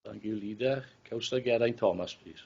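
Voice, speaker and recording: Formal Welsh mayor chairing. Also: male voice, on the low side, a little fast, gravelly, darkish tone, breathy edge. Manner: brief, formal. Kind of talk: chairing a council meeting. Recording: distant dull chamber mic.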